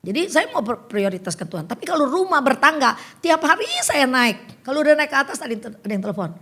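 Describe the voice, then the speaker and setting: Older woman preaching, high husky voice. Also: animated, fast talker, sharp tone. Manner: conversational storytelling sermon, acting out dialogue. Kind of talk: sermon.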